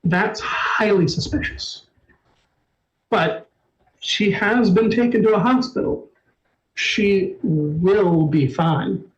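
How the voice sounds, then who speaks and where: A quiet changeling ruler answers calmly and evenly, as a man acts her out. Her voice sits fairly high and moves slowly. The recording has a dull, lo-fi quality. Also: echoey room. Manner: quiet, calm. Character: calm female changeling ruler, measured and cool.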